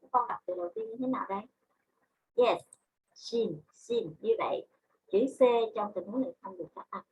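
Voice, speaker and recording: A woman's voice: medium pitch, fast, slight background noise, rough recording. A woman English teacher with a Vietnamese accent, giving a class, spelling words out letter by letter and explaining in Vietnamese. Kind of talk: online class lesson.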